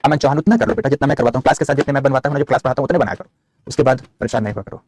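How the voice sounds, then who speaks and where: A middle-aged man teaches geography over a map, talking fast with a husky, slightly raised voice. He calls his students "beta", answers their questions and dictates headings for their notes. The sound is close and dry. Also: medium pitch, darkish tone, no room sound. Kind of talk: online map lecture.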